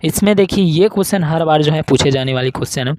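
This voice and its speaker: Higher-voiced man teaching a lesson. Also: fast talker, darkish tone, slight background noise. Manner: asks and answers his own questions, voicing students. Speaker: reasoning teacher. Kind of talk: online exam-prep lesson.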